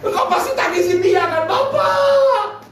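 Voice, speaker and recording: A man's voice: very high-pitched, a little fast. A male pastor preaching a sermon, telling stories, mimicking voices and dropping blunt slang asides. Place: church service in a hotel hall. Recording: echoey hall, mic distant, music faint.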